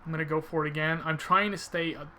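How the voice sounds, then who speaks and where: A man's voice: fairly high pitch, fairly even intonation, fast, sharp tone, a little hiss or hum. A man giving casual video game commentary, thinking aloud informally as he explains his technique.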